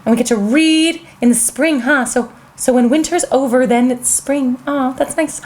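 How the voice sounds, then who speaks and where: A woman hosting a children's show, reading a picture book aloud with a bubbly, childlike manner, full of excited gasps and chatty asides to the young viewers. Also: sits high, moderate pace.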